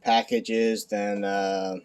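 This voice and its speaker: A young man speaking quietly at night in a hushed tone, giving a casual, unscripted card deck profile in a halting, self-deprecating way. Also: fairly low pitch, flat delivery, smooth. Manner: halting, self-deprecating, stumbling over words. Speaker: amateur video creator presenting a card deck. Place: at home at night.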